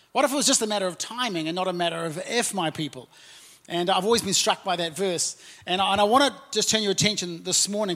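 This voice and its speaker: Speaking to his congregation in a church auditorium, this pastor from New Zealand, somewhere in his forties, sounds like he's having a friendly conversation. His pitch runs a bit high for a male voice, and "and, uh" fillers pepper his relaxed, warm preaching.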